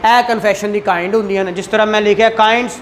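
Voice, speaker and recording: Brisk and medium-pitched with fairly even intonation, this woman with a Pakistani accent explains law in a classroom lecture. She combines Urdu and English legal terms and repeatedly uses short tag questions to check students' understanding, recorded in a clearly noisy room.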